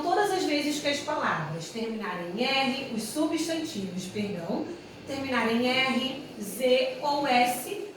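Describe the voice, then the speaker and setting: A woman teaching grammar in a high, unhurried voice, repeating every example and stopping now and then to correct herself. She sounds far from the microphone, in a very echoey room with faint ambient noise behind her. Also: a bit bright. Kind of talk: grammar lesson at a whiteboard.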